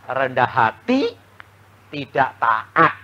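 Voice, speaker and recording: Animated preacher man. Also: mid-range voice, very slow. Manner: animated, folksy preaching with sudden loud and hushed swings. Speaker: pastor. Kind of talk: sermon. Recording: muffled old sermon recording, faint hiss.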